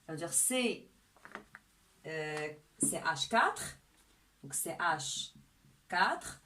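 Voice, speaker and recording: A woman's voice: low voice, lively intonation, sharp tone, slight background noise. A woman teaching a chemistry lesson step by step, often checking in with "d'accord?". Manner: slow and deliberate, often asks "d'accord?".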